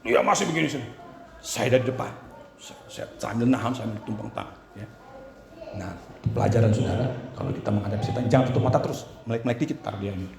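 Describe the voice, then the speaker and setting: A man preaching a Sunday sermon as pastor, telling stories and swinging between loud exclamations and quiet asides. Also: lowish voice, quick pace, creaky. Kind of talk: Pentecostal sermon with storytelling. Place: church sanctuary. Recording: very echoey church hall.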